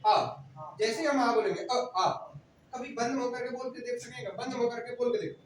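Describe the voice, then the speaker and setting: High-voiced teacher in an echoey classroom. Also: male voice, fairly even intonation, fast. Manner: drills students with repeated questions and answers. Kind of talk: classroom lecture. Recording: echoey room, distant mic, faint noise.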